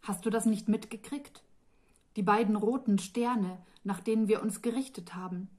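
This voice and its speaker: A woman voicing a proud, calm female dragon in a fantasy audiobook, speaking in a cool, matter-of-fact, slightly drawling way. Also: mid-range voice, moderate pace, lightly acted. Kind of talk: audiobook reading of a fantasy novel.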